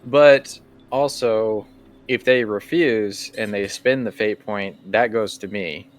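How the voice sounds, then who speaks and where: A man with a fairly low voice acts as game master for a tabletop game. He explains things and sets scenes casually, in a halting, conversational manner.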